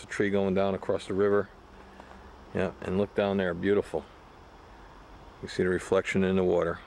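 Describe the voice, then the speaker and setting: A man filming himself on a hike, narrating the trail in a relaxed, admiring way into a handheld camera outdoors. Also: on the low side, slight background noise. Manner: relaxed, admiring, pointing things out as he walks. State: out of breath while climbing. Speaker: hiker filming a trail tour. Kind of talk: casual narrated hiking vlog. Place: outdoors on rocky park trails. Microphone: handheld camcorder mic.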